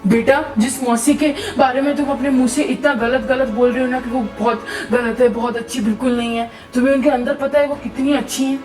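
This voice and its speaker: A woman's voice: high-pitched, steady tone, brisk, hardly any pauses, reverberant, far from the mic, over music, close to an everyday voice, rough recording. A woman voicing a stern middle-aged father who lectures his daughter in a doll story. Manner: lecturing, firm.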